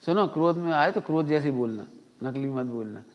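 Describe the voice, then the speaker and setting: A man's voice: a little high, lively intonation, fairly quick. A male Jain preacher giving an informal spiritual discourse, asking rhetorical questions and mimicking his listeners. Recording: dull audio with long hall reverb.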